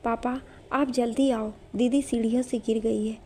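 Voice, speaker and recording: A woman's voice: on the high side, steady tone, moderate pace, darkish tone, a little hiss or hum, lightly acted. Cheeky little sister, voiced by a woman. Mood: frightened. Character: teenage younger sister, cheeky and tender.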